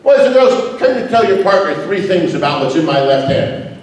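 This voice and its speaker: A man's voice: sits high, very animated, normal speed, a little mellow. A man acting out an eager school teacher, addressing children in an exaggerated, sing-song way like a kids show host. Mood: eager, chirpy. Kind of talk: acted classroom demonstration. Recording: echoey hall, far microphone, noisy.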